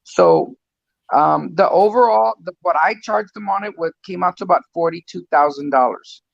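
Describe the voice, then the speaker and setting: A man's voice: a little high, sing-song, normal speed, gravelly, no echo, dull audio. A man casually telling a long story on a talk show, mixing in a few Spanish words and acting out what other people said. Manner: rambling, acts out the people in his stories, drops Spanish words. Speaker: guest, custom truck builder.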